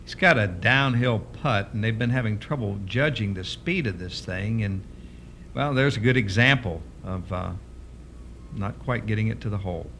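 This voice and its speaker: A man's voice: lowish voice, normal speed, fairly bright tone, slight background noise. A man working as a golf commentator, giving conversational, chatty analysis of play with some hesitation.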